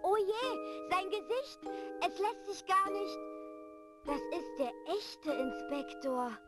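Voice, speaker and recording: An actor playing an eager, polite young boy apprentice in a video game, earnest and excitable. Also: very high voice, takes it slowly, exaggerated voice. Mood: startled, sheepish. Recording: loud music under the voice.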